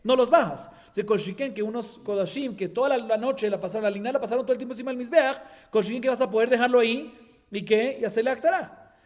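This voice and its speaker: A man from Colombia teaching a Talmud lesson as a rabbi, with animated rising emphasis and frequent rhetorical questions to his listeners. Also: extremely high pitch. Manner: reads Aramaic text in quick chant.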